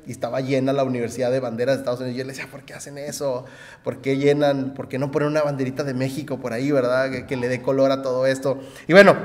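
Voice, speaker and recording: A man, preaching a sermon in a conversational way, often adding "¿verdad?" and pausing on fillers. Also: a little high, in a large hall. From Mexico. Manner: conversational, frequent "¿verdad?" tags and hesitations. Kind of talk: sermon with personal story.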